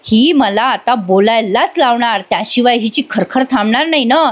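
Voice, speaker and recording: A woman's voice: fairly high pitch, lively intonation, normal speed. A woman voicing an irritated, impatient young businessman who grumbles and pleads. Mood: grumbling. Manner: impatient, pleading through gritted teeth.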